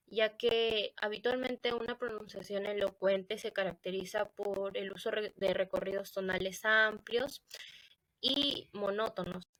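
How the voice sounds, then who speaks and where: A woman with a Latin American Spanish accent talks through a class presentation at a middle pitch. She hesitates often, trips over words and starts them again. Her voice is recorded close and dry on a computer mic. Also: fairly bright tone, no room sound, rough recording. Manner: hesitant, with fillers and self-corrections. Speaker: student presenter. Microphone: computer microphone.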